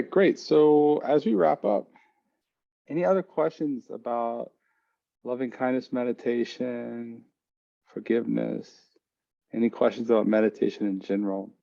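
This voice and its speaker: Chill mindfulness teacher guy, mellow voice, muffled lo-fi sound, jokey and direct. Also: mid-range voice, creaky. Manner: lively, joking, direct. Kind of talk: casual class teaching.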